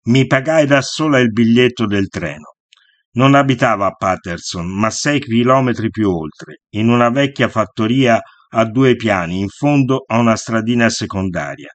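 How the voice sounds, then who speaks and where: Measured male audiobook reader. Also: mid-range voice, lively intonation, no echo. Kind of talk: scripted first-person novel narration.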